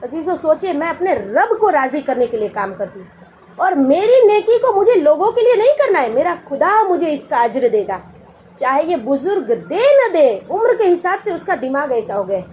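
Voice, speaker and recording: A woman's voice: sits high, very animated, a little mellow, a little hiss or hum, low-quality recording. A woman preaching at a women's religious gathering, earnest and exhorting, telling a moral story to make her point. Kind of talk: sermon.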